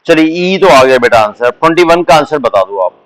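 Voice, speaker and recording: A man's voice: a little high, lively intonation, rough recording. A man teaching a live online exam-prep lesson, mixing Hindi and English and calling his students beta. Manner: mixes Hindi and English, addresses students as beta, slow deliberate explanations.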